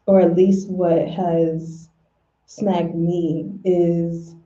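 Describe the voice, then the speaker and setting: A woman's voice: fairly low pitch, flat delivery, drawn-out words, mellow. A woman in a casual spiritual conversation, telling personal stories openly and dropping slang into her talk. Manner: candid, storytelling with slang. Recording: roomy, dull lo-fi audio.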